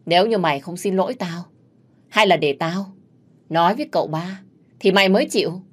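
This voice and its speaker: A woman voicing a fierce, hot-tempered young female servant who threatens roughly. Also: on the low side, animated, brisk. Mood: demanding.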